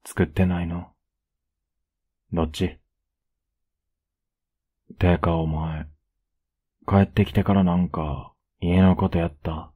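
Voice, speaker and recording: A young man with a Kansai accent in a whispered role-play as a blunt, rough-spoken boyfriend who is caring underneath, recorded close up at home. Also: sits low, little pitch movement, slow pace, pauses often, phone-quality sound. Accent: Kansai Japanese. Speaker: voice actor playing a boyfriend.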